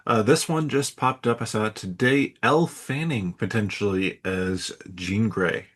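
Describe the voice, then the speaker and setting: A young man co-hosts a podcast, trading dry jokes and laughing easily. His voice sits somewhat low and has a slightly husky grain. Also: unhurried, a bit bright. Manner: dry, wry humor, laughs a lot. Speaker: podcast co-host. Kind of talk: casual podcast banter.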